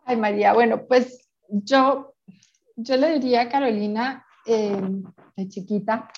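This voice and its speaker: A woman who grew up in Peru, answering interview questions thoughtfully, with many pauses and restarts. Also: on the high side, steady tone, highs cut off, slight background noise. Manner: hesitant, many restarts and fillers. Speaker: interview guest.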